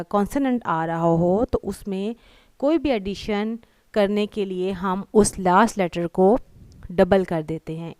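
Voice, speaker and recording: A woman's voice: medium pitch, a little mellow, clean tone, no echo. A woman teaching English grammar in Hindi-Urdu, patiently repeating example words and checking that students follow. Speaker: English tutor.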